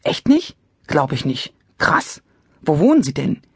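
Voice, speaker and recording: A woman's voice: fairly low pitch, expressive, brisk, slightly rough, no room sound, studio quality. A woman reading an audiobook, voicing a naive, chatty young call-center girl who prattles in slang. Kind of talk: audiobook character voice.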